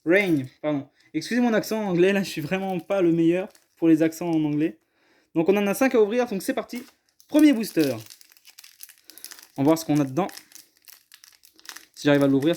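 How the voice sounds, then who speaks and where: Here a man with a warm, high voice speaks a little fast and animatedly, with long pauses, as he opens trading card boxes on camera. He keeps apologizing and hesitating in this casual, self-deprecating unboxing chat.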